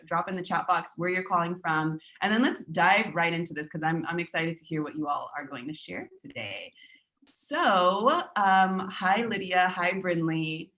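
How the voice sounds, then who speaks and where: A woman hosts an online talk over a video call. Her voice sits fairly low, and she chats in an upbeat way with many fillers. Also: fairly bright tone. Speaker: webinar host. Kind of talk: casual video call chat.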